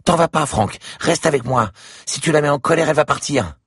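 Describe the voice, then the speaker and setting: A man reading a story aloud and voicing a timid little girl of nine or ten in a high, pleading childlike voice. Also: brisk, fairly bright tone, breathy edge, no echo, studio quality.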